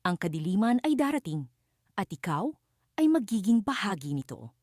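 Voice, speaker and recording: A woman's voice: mid-range voice, sing-song, normal speed, darkish tone, no echo, clean studio sound. A woman voicing an angry, whispering voice of darkness that threatens the heroine in a storybook tale. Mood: menacing. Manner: menacing, hissed threat.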